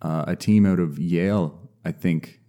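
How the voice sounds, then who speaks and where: A young man, a mycologist guest, talking casually and explaining things in a measured way with some restarts. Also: low voice, dark tone. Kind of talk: casual podcast interview.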